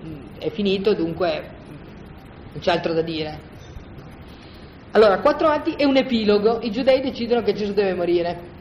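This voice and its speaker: A teacher talks a group through a scripture passage in a loose, colloquial way. The voice sits at a mid pitch, often stops to check in with "no?", and restarts its sentences. It was recorded in a roomy space on dull, lo-fi gear with faint background ambience. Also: normal speed, slight background noise. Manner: conversational, keeps asking "no?" to check in with listeners; colloquial, animated explaining with restarts. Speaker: Bible study teacher. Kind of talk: informal lecture on scripture. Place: room with a group of listeners.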